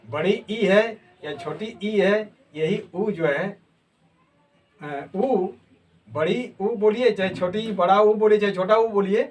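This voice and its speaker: Slow high-voiced man teaching script. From Jharkhand, India. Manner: slow, repeats sounds to demonstrate them. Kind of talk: explanatory lesson. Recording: voice from a distance.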